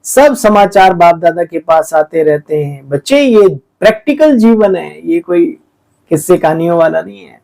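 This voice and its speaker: A man preaches with a fairly high, lively voice, exhorting his listeners and calling them sweet children. His sermon moves in bursts of emphasis. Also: moderate pace, vocal fry, low-quality recording. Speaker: spiritual teacher explaining the daily murli.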